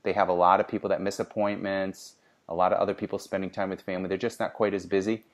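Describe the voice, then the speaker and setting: A man's voice: low-pitched, level tone, quick pace. A man co-hosting a casual sales podcast, giving upbeat coaching advice with frequent restarts. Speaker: podcast co-host.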